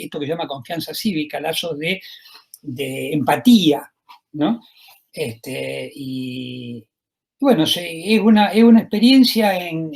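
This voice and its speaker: A man with an Argentine accent giving a university lecture as a law professor, talking in a discursive way with frequent filler pauses and tag questions to his listeners. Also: a little high, gravelly, husky. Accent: Argentine Spanish.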